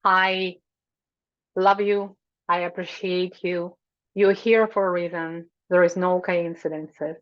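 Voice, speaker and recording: Earnest woman host, slightly low voice, dull sound. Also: fairly even intonation, takes it slowly. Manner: earnest and effusive, repeats phrases, digresses. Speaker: membership host and coach. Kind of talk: heartfelt direct-to-camera talk.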